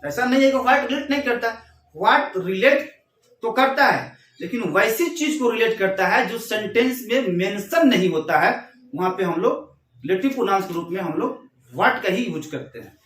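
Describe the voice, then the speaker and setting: A man with a high voice teaches grammar in a classroom style. He reads each English example slowly and then explains it again. The sound is roomy and echoey, and he stands a bit away from the mic. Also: animated, a bit bright, far from the mic.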